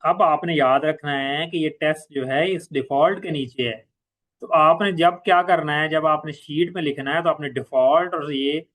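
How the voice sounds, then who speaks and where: This is an informal, step-by-step software lesson from a male trainer with a Pakistani accent and Urdu as his first language. His voice is fairly high, and he weaves in English terms while repeating the important points.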